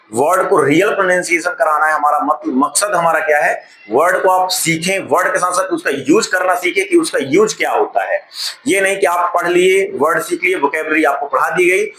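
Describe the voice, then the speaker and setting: Bright-voiced man teaching in an echoey room. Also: a little high. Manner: repeats questions to the class, drawn-out words. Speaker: spoken English teacher. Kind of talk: classroom lesson. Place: classroom. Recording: echoey classroom with faint noise.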